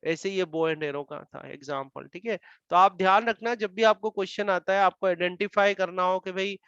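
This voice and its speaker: A man with an Indian accent teaching physics, explaining slowly and repeating terms, dictating English definitions word by word. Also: sits high, fairly bright tone, smooth, no echo. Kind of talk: classroom lecture. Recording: dull muffled dry sound.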